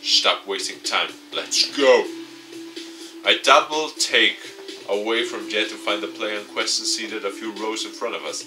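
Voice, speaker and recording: A man with a fairly low voice reads a visual novel aloud and comments as he plays, hosting a let's-play gaming video. He speaks at a moderate pace, sounding distant from the mic, with music underneath.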